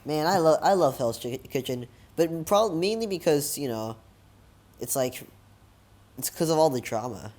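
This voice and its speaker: Rambling young podcast host, self-mocking. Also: male voice, on the high side, animated, normal speed, a little mellow. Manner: rambling, self-mocking, talks over bits. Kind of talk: casual podcast chat.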